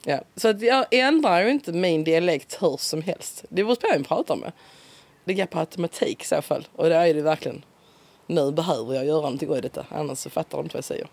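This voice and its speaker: A woman with a broad Scanian accent chatting in a relaxed interview, talkative and quick to laugh. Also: sits low, creaky. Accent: broad Scanian Swedish. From Skåne, southern Sweden. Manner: chatty, laughs often, lively. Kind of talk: casual conversational interview.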